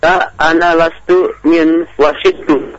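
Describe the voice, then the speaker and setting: A male caller on a phone line that keeps breaking up, reading slowly with hesitant fillers. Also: a little high, little pitch movement. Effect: phone call breaking up, choppy signal. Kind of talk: call-in reading practice on a radio lesson. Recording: choppy, noisy phone line into a radio studio.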